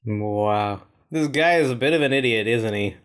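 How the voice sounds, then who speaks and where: Man, casual reaction commentary, chatty, hesitant ums, amused, mid-pitched voice. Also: moderate pace, fairly bright tone, a little hiss or hum. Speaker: reaction video host.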